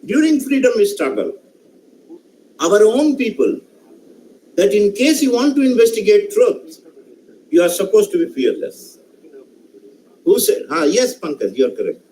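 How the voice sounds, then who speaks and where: Lecturing online through a session microphone, this Indian English-accented professor questions participants emphatically, frequently repeating and restarting phrases. His voice sits high and dark, very animated but a little slow, with frequent pauses. The audio is poor and has slight background noise.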